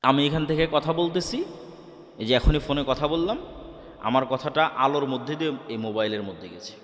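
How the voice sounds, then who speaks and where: A man's voice: medium pitch, brisk, a bit bright. A male preacher addressing a crowd at a religious gathering. He asks questions, answers them himself and keeps repeating his key words. His voice rings through a roomy space with a long, trailing reverb. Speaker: Islamic preacher. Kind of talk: sermon to a live gathering. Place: open-air religious gathering with a PA system. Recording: echoey hall with long reverb.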